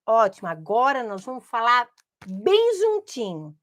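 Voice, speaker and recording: A woman's voice: a little high, wildly swooping pitch, a little slow, a bit bright. A woman giving a video lesson on teaching literacy, directing viewers and drilling sounds aloud.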